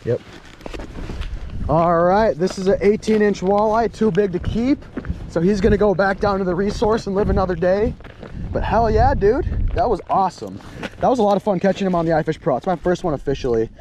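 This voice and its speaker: A young man hosting an outdoor fishing vlog, talking in a chatty, upbeat and excitable way into an action camera. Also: high-pitched, brisk, a little hiss or hum, rough recording. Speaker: host. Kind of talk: casual outdoor vlog narration. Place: ice fishing shelter and open frozen lake, later a home kitchen. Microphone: handheld or body-worn action camera.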